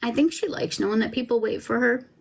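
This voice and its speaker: A woman's voice: on the high side, fast talker, gravelly, breathy edge. A woman in her forties chatting casually as a podcast host, rambling and self-deprecating. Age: 40s. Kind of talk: casual livestream chat over a trial feed.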